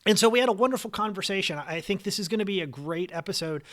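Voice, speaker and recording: A man's voice: sits high, animated, fast, fairly bright tone. An American man hosting a podcast, speaking in a conversational introduction style to his listeners. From United States. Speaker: podcast host and interviewer.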